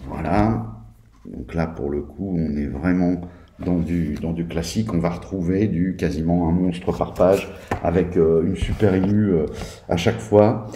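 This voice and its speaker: A man's voice: sits low, unhurried, mellow, slight background noise. A man reviewing a tabletop game book in a casual, hesitant way, with many fillers and restarts. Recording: echoey room.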